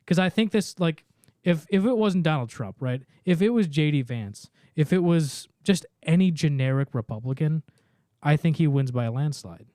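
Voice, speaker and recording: A man co-hosting a podcast, reading off a list of states in a steady run, then talking through his reasoning in casual chat. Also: on the high side, normal speed, dry recording, studio quality. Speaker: podcast co-host.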